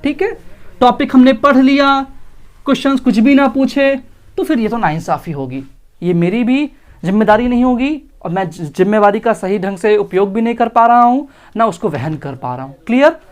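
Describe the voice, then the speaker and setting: A male maths teacher leads an online exam-prep lesson, explaining slowly step by step and often checking whether students follow. His voice is extremely high-pitched with lively intonation.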